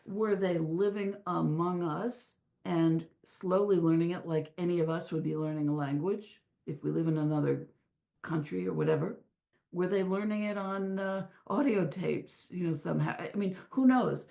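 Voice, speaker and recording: A middle-aged woman talking as an interview guest, telling stories in an animated way with frequent restarts. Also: on the low side, normal speed, gravelly. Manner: animated storyteller with many restarts. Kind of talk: casual interview talk. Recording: echoey room.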